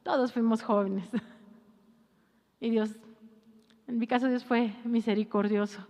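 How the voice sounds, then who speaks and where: A woman pastor, preaching a lively sermon and acting out scolding voices. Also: a little high, measured pace. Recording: reverberant hall, dull lo-fi sound.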